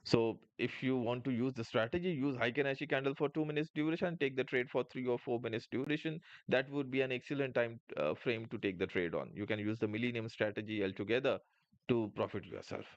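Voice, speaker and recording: A man's voice: mid-range voice, a little fast. A man hosts a live trading stream, walking viewers through charts and chat questions in an explanatory way, with plenty of filler sounds. His mid-range voice comes through dull and lo-fi. The sound is dry, with no room echo. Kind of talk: live market commentary answering chat.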